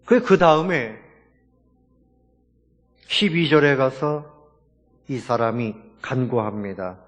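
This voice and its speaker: A man's voice: medium pitch, slow, in a large hall. A man preaching a sermon as pastor, emphatic and full of rhetorical questions to his congregation.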